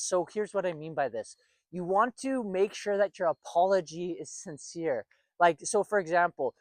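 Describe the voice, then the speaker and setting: A middle-aged man coaching men on relationships in a loose, conversational monologue, circling back on phrases for emphasis. His voice sits a little high for a man. The sound is dry and close, with no room around it. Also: no room sound. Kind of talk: casual advice monologue.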